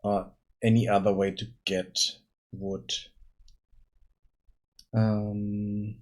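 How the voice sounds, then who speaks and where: A tired man casually thinking aloud while working on his game during a live stream, pausing and restarting often. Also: on the low side, flat delivery, mellow. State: tired, yawning.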